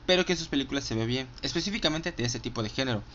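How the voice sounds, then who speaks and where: A man's voice: mid-range voice, animated, racing, fairly bright tone, dull audio, a little hiss or hum. A man with a Mexican accent counting down his favorite films in a casual, profane, enthusiastic monologue full of fillers. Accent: Mexican Spanish. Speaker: film reviewer.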